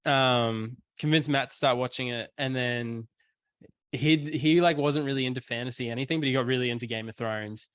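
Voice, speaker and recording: A man's voice: mid-range voice, normal speed, no echo, clean studio sound. A young man, hosting a casual podcast chat and telling stories with acted-out quotes. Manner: animated storyteller, acts out quotes. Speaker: podcast host.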